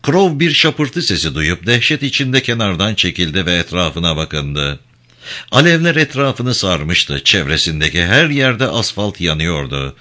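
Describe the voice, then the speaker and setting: A man narrates a tense thriller audiobook in a low register. His delivery is bright and forward, with wide dramatic swings in pitch. He reads with steady storytelling focus. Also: measured pace. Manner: expressive, dramatic.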